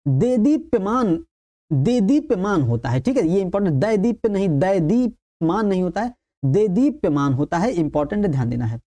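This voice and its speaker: A woman leads an exam-prep lesson, her pitch rising and falling in a lively way. Her voice sits on the dark, mellow side. She goes through answers one by one, repeats them and keeps asking if the point is clear. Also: fast talker. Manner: addresses viewers as friends, repeats each answer with frequent checks of "okay"; stresses what is important and tells viewers to keep it in mind. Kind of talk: online lesson on exam questions.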